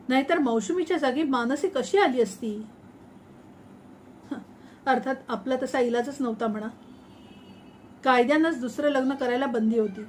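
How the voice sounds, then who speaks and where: A woman reading a science fiction short story aloud in a measured, reflective, expressive way. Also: sits high, slight background noise. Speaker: story reader.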